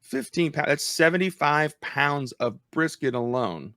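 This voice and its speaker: A man's voice: fairly high pitch, lively intonation, unhurried, fairly bright tone, dry recording, studio quality. A man hosting a church podcast, chatting casually and with enthusiasm. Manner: laid-back, chatty, enthusiastic about food. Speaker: podcast host.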